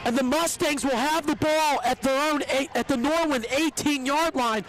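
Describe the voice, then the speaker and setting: A man with a high, squeaky voice calls a football game play by play, with the tone of live sports commentary. Though slightly under the weather, he stays quick and energetic through the action. The recording is rough.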